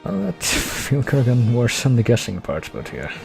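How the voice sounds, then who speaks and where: A man's voice: mid-range voice, wildly swooping pitch, moderate pace, vocal fry. A man streaming live, chatting casually between karaoke songs in mumbling, self-deprecating asides over faint music.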